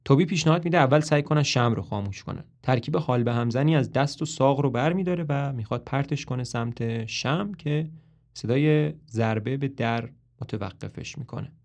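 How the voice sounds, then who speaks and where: A man narrating the story of a play for a podcast in a measured, plain way. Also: medium pitch, darkish tone.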